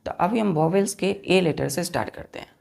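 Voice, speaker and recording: Gravelly male English teacher quizzing students. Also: high voice, brisk, darkish tone. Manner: repeats words and quizzes the class often. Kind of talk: classroom lesson in spoken Hindi.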